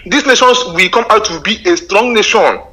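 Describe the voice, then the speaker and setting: A man calling in to a radio show over a phone line, speaking haltingly with many fillers and repeated words. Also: sits high, lively intonation, sharp tone. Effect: heard over a phone line. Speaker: radio call-in caller. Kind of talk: earnest call-in comment.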